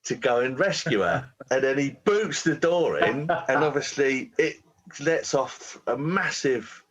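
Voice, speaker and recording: A man co-hosting a podcast, telling film anecdotes in a relaxed way and chuckling as he goes. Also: mid-range voice, unhurried, highs cut off. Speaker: podcast co-host. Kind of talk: casual film chat.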